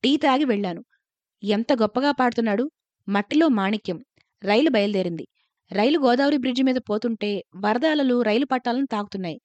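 A woman reading a first-person story aloud in a calm, measured narration. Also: a little high, dry recording.

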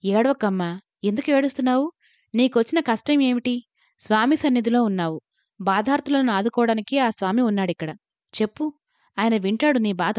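A woman's voice: on the high side, brisk, pauses often, a little mellow, no room sound, close to an everyday voice. A woman voicing a priest's wife who speaks in a soothing, affectionate, motherly way. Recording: slightly dull, lo-fi recording.

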